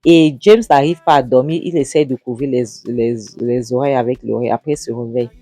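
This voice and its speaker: A woman's voice: very deep voice, fairly even intonation, a little fast, warm tone, no echo, soft background music. A woman narrating a film recap in a casual way, retelling the scenes and often repeating and restarting her words.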